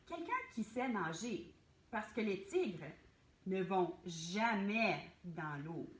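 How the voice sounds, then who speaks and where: A woman's voice: medium pitch, expressive, slow pace, echoey room, voice pushed down. Woman voicing an urgent young tiger. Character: brave worried young male tiger.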